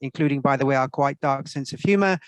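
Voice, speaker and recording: A man's voice: mid-range voice, quick pace, smooth, dry recording, poor audio. A man speaking on an online panel, emphatic and enthusiastic. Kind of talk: panel discussion.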